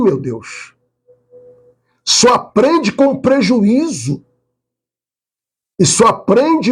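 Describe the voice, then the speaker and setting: A man pastor pours out a live prayer in a husky, high-pitched voice. His pitch swings widely, and his slow, drawn-out pleas climb to fervent cries before sinking back to murmurs. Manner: fervent pleading prayer, rises to high cries and drops to murmurs, speaks in tongues.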